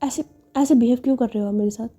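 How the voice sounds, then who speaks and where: A woman's voice: a little high, fast talker, dark tone, close to an everyday voice. A woman voicing a pushy, insistent young woman who keeps pressing with questions. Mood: upset. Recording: slightly dull recording, faint music.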